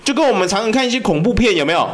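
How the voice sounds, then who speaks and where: Man, podcast host, casual ghost-story chat, profane, lively swooping pitch. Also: racing. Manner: animated and profane, keeps asking "you know?".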